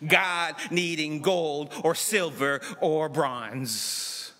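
Middle-aged man preaching, high bright voice, very slow, long church reverb. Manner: dramatic, voices God and Moses in lively asides. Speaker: pastor. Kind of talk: sermon. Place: church sanctuary, at a pulpit.

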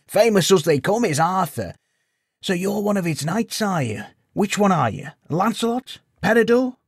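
A man's voice: high-pitched, sing-song, normal speed, breathy edge, dry recording, studio quality, pitched above the performer's own voice, exaggerated voice. A man voicing Bertram, a small, hunched, jovial old village man who likes to tease with good-natured chuckles. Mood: teasing.

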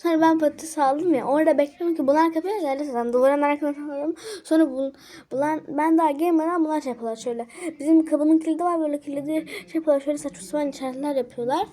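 A woman's voice: high-pitched, steady tone, rapid-fire, warm tone. A young girl telling a rambling, agitated story about neighborhood kids in a casual vlog. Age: child. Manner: agitated, rambling with many restarts. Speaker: vlogger.

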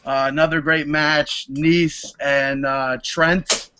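A man speaking as a guest in a casual video-call chat, hesitant and pausing on fillers. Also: fairly high pitch, little pitch movement, pushed and bright, smooth.

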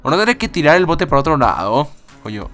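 A young man casually commenting on a game, excitable, swearing and laughing often. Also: on the high side, quick pace, soft background music. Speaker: gaming YouTuber. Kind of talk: casual let's-play commentary.

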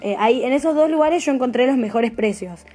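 A young Argentine woman gives a live nail class in a bright, somewhat high voice. She talks in a chatty, patient way and checks in with her viewers after almost every sentence. Soft music plays quietly underneath. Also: brisk. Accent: Argentine Spanish. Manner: chatty, keeps asking "¿sí?". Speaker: nail technician teacher. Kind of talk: live tutorial talk.

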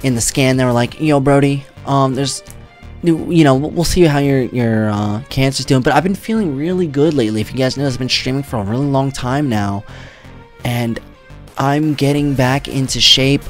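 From his indoor home streaming setup, a man in his twenties chats casually to camera in a mid-range voice at normal speed. Treatment has left his voice a little worn, his talk is loose and rambling with frequent swearing, and faint music sits behind him.

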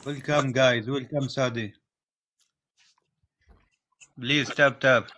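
A young man from North Syria, appealing to livestream viewers in simple, halting English, recorded on a phone at home during a video call. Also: medium pitch, fairly even intonation, pushed and bright. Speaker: livestreamer asking viewers for support. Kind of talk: live-stream appeal in broken English. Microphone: phone in a live video call.

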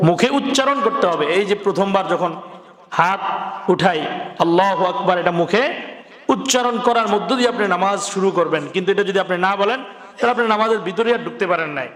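Brief: high-pitched male preacher, questions the crowd, echoey hall. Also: a bit bright. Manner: asks the crowd questions, drops low on key warnings. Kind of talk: sermon.

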